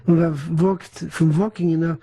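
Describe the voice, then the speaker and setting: Older man, non-native English, halting recollections with restarts, fairly high voice. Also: steady tone, mellow, husky, rough recording. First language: not English. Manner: halting, many restarts, mixes in German words. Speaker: interviewee. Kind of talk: oral history testimony.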